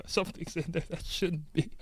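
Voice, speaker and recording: A man's voice: a little high, huge pitch swings, a little slow, warm tone, slightly rough, no echo, clean studio sound. A man on a podcast, choking up and teary, breaking into helpless laughter, coughs and whispers as he tries to tell a story. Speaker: podcast co-host. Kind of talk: casual chat. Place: indoor studio with mics. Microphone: close mic.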